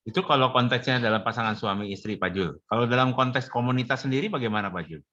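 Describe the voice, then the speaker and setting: A man's voice: mid-range voice, quick pace, bright, forceful tone, dull audio, slight background noise. A man moderating a church group meeting who asks the speaker short, informal questions.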